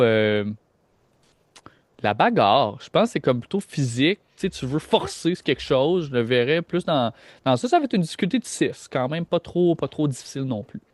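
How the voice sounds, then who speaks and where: A man's voice: medium pitch, no echo. A man with a Québécois accent narrating a tabletop game as game master, rambling and hesitant, with lots of filler. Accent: Québécois French.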